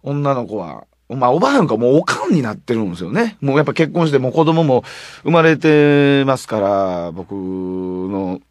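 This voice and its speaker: A man in his thirties with a Kansai accent, hosting a radio show and chatting casually, telling stories with lively quoted voices. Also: mid-range voice, moderate pace, dry recording. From Kansai, Japan. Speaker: radio host. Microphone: studio mic.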